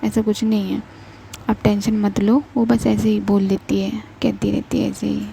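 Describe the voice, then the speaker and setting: A woman doing a gently firm middle-aged mother. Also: mid-range voice, little pitch movement, normal speed, creaky, a little hiss or hum. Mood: coaxing. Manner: soothing, coaxing.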